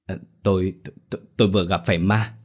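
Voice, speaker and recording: A man's voice: deep voice, fairly even intonation, quick pace. A man voicing a guilty, terrified older village man who pleads and stammers, in a told ghost story. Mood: stammering.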